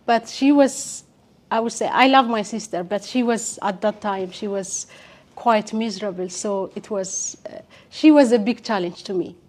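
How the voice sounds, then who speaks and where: A young woman from Ethiopia, telling her life story as an interview guest in a halting way with many pauses and fillers. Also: mid-range voice, darkish tone.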